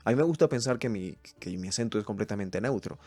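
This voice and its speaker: Faint music plays behind a man from Mérida, Venezuela, whose voice is on the low side, animated, fast and a little mellow. He hosts a reflective solo podcast, thinking aloud as he reads and remarks on points from a list.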